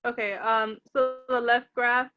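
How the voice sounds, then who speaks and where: A woman's voice: fairly high pitch, level tone, measured pace. A woman student asking her teacher a question hesitantly, with many fillers, heard over a call line that keeps breaking up. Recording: dull lo-fi call audio from far off.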